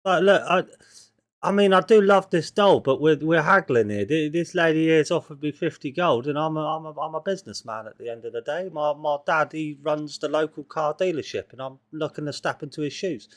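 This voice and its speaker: A man's voice: a little high, a little fast, natural voice. A man voicing a cocky six-year-old boy haggler with blustering, stammering sales patter. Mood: haggling.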